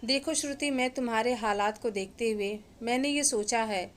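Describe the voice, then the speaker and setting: A smooth-talking young man with a scheme, in a spoken story, as a woman narrator does his voice. He coaxes and persuades in a voice that stays a little high, over faint ambience. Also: moderate pace, slight background noise, close to an everyday voice. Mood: coaxing. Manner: coaxing, persuasive.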